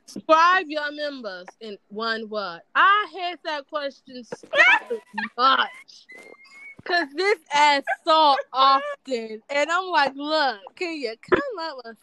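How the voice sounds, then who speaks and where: A young woman hosting a podcast, chatting casually in an animated, teasing way and laughing often. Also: sits high, slow pace, dry recording, poor audio. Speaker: podcast host. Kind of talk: casual chat.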